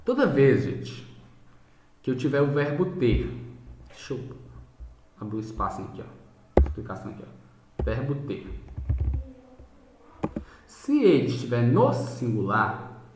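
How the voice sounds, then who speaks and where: A man's voice: medium pitch, sing-song, a little slow, long pauses, a little mellow, roomy sound, slight background noise. A man teaching in a recorded video lesson, working through exercises step by step and often checking in with his viewers. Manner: explanatory, repeats "tá?" and "gente" to check in.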